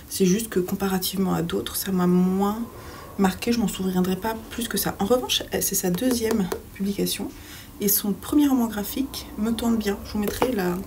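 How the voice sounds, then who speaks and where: A woman's voice: mid-range voice, darkish tone, a little hiss or hum. A French woman chatting casually in a reading vlog from home, hesitant and full of fillers. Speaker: book vlogger.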